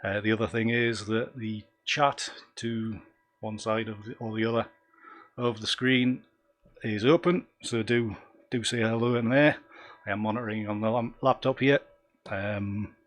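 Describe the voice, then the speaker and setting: A man's voice: on the low side, fairly even intonation, unhurried. A man with a Northumbrian accent hosting a casual live stream, talking in a rambling, self-deprecating and easily sidetracked way. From Northumberland, England. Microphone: desktop microphone.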